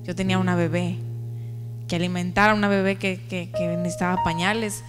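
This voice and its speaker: A woman's voice: lowish voice, little pitch movement, brisk, long reverb tail, over music. A woman giving an earnest, emotional testimony to a church congregation, often asking the listeners questions. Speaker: testimony speaker.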